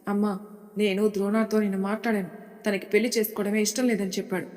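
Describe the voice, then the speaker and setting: A woman narrator plays an anxious middle-aged mother caught between her family. She speaks softly and hesitantly. The voice sits in a long, hall-like reverb. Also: medium pitch, level tone, fast, lightly acted. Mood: worried. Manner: hesitant, worried, soft.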